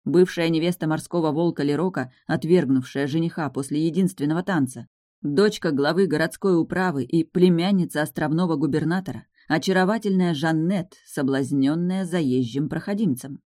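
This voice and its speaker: An audiobook narrator reads a first-person fantasy tale in a steady, gently ironic manner. The voice sits at a middle pitch. The recording is close and dry, with no room sound. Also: moderate pace, dry recording.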